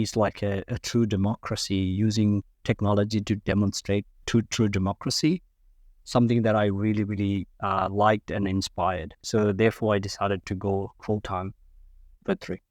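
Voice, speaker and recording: A man's voice: on the low side, a little mellow, dry recording, studio quality. A man from Sri Lanka who is a podcast guest, answering casually with many ums and restarts. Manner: hesitant, many fillers and restarts.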